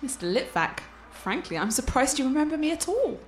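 A woman with a high-pitched, sing-song voice speaks a little fast and sounds enthusiastic. In a radio play she portrays a cultured, confident art scholar and teasing fiancée, articulate and playful.

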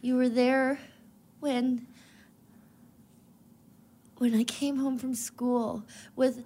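A woman voicing a young woman performer who gives a halting, melodramatic monologue about a lost pet. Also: sits high, steady tone, dark tone, exaggerated voice. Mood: mournful.

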